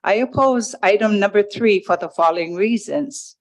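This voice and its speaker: A woman from Hawaii giving public testimony at a planning hearing, reading a prepared statement into a table microphone and halting over the legal wording. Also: mid-range voice. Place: county planning commission hearing room.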